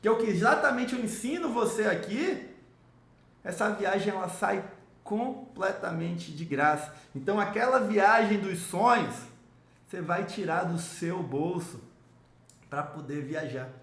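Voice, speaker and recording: A man's voice: expressive, measured pace, a bit bright. Enthusiastic man in a roomy room. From Salvador, Brazil. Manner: enthusiastic salesy pitch, addresses viewer directly. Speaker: miles and travel rewards coach. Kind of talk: promotional explainer video. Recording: roomy echo.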